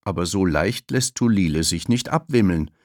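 A man narrating a children's audiobook in a slow, expressive storytelling manner. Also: low voice, dry recording, clean studio sound.

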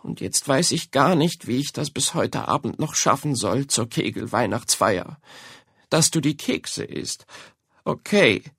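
A man's voice: medium pitch, expressive, unhurried, creaky, slightly rough, dry recording, clean studio sound, full character voice. A man voicing an upset mother who accuses her son, hurt and near tears. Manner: accusing, hurt, sometimes hushed.

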